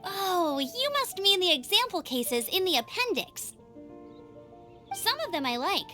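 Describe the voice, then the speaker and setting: Bright, high-pitched, perky young scout girl. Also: very animated, unhurried, faint music behind, exaggerated voice. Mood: chatty, excited. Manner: chatty, eager, informal. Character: perky, earnest young female knight scout and examiner. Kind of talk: animated video game voice acting.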